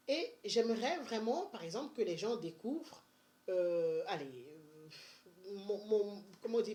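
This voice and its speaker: A woman's voice: mid-range voice, a little mellow. A woman from Benin, chatting casually in a money-saving advice vlog, full of energy, fillers and restarts. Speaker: vlogger.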